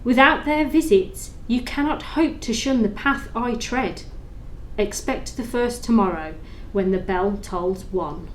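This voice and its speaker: A woman's voice: a little high, unhurried, slight background noise, close to an everyday voice, poor audio. A woman playing the mournful, tormented ghost of a dead business partner, speaking solemnly in an audio play with wailing laments. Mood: grave warning. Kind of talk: library audio play acting.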